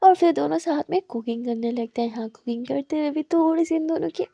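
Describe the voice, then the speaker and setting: A woman's voice: high-pitched, fast, creaky, warm tone, no echo. A woman narrating a love story in a chatty, casual storytelling manner, in a dull lo-fi recording. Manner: chatty, narrates in simple running sentences.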